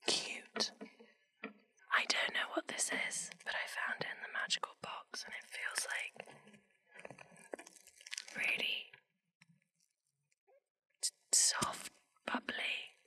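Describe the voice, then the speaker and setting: A woman doing playful, chatty ASMR in a breathy whisper, very close to the microphone, right in the listener's ear. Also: takes it slowly, pauses often, pushed and bright. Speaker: ASMR host. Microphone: close ASMR microphones, two of them.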